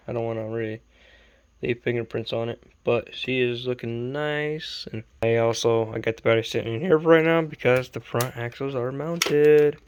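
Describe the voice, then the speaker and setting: A man's voice: medium pitch, smooth, dull audio. Sleepy, rambling hobbyist man. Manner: rambling, easygoing, self-correcting. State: sleepy, late at night. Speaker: RC hobby vlogger. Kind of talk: casual build update vlog.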